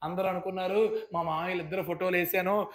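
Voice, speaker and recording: A man's voice: sits high, fairly even intonation, fast talker, a little hiss or hum. A man in his thirties, a pastor, giving a fervent testimony sermon to a seated congregation over a stage microphone, calling out praise and addressing his listeners directly. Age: 30s. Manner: fervent, emotional, cries out praise. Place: church hall with a seated congregation. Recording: echoey church hall.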